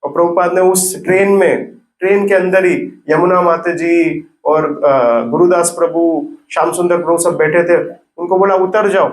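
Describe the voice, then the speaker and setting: A man's voice: a little high, unhurried, echoey room, rough recording. A man giving a devotional sermon, telling stories with rhetorical questions. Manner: animated storytelling, rhetorical questions. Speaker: preacher.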